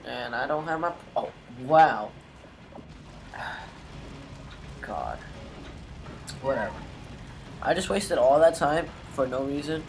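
A man's voice: mid-range voice, expressive, takes it slowly, gravelly, long pauses, slight background noise, low-quality recording. A young man hosting his gaming channel, giving casual gameplay commentary with joking, muttered asides to himself.

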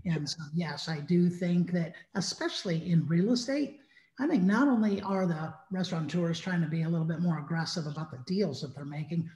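Joining a video call from his living room, a man in his fifties with a fairly high, darkish voice speaks emphatically as an industry panelist. He's a restaurant industry consultant, and his computer mic sounds dull and echoey.

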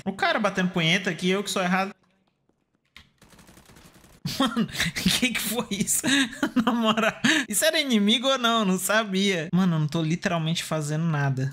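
A man's voice: fairly high pitch, fairly bright tone. A young Brazilian man talking through his gameplay, chatty, swearing freely and laughing at himself. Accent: Brazilian Portuguese. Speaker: gaming streamer. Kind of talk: casual gameplay commentary.

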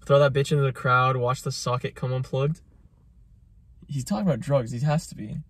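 A man co-hosting a casual music reaction chat, puzzling over lyrics aloud with quick laughs. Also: mid-range voice, fairly even intonation, dry recording. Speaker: reaction video co-host.

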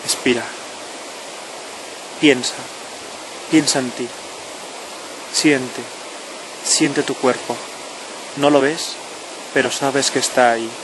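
A person speaking right in the listener's ear, guiding a relaxation in slow, short, measured phrases. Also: mid-range voice, steady tone. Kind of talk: slow guided relaxation narration, spoken to the listener. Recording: clear noise of rushing water. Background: running stream, natural outdoor ambience.

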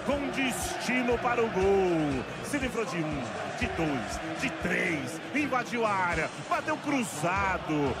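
A Brazilian man shouting explosive football goal commentary as an announcer, stretching words and repeating exclamations into a handheld microphone. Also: high-pitched, sing-song, slow pace, hardly any pauses. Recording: loud music and crowd behind.

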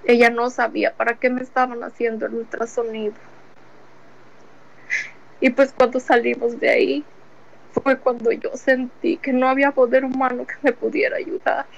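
A woman tells her personal faith testimony in a slightly high voice, full of feeling. She retells each conversation step by step, quoting what was said to her. The sound is somewhat dull and lo-fi. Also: flat delivery, moderate pace, creaky. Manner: retells events with many quoted conversations, repeating "he told me"; earnest and emotional. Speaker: testimony giver.

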